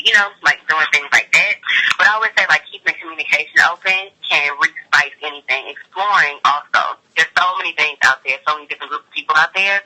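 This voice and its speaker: Bright, sharp-toned woman over the phone. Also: deep voice, poor audio. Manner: chatty, frequent "like" fillers. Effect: heard over the phone. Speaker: sex educator guest. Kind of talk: phone interview.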